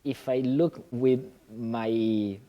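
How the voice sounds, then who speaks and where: A man from Italy with an Italian accent, a guest telling his story in a relaxed, hesitant way with many pauses. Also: mid-range voice, highs cut off. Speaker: guest, yoga teacher. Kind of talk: casual interview talk.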